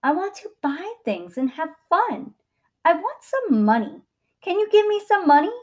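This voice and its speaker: A woman's voice: extremely high pitch, sing-song, unhurried, voice pushed up, heavily acted. A woman voicing a needy boy in a children's story, plaintive and demanding. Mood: eager, demanding.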